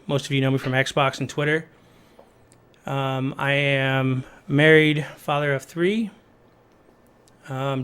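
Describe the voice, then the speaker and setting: A man's voice: mid-range voice, fairly bright tone, clear, resonant tone. Friendly guy hosting a gaming podcast, upbeat and chatty. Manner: friendly, upbeat, talks to the listeners directly. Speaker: podcast host. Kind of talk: casual podcast chat.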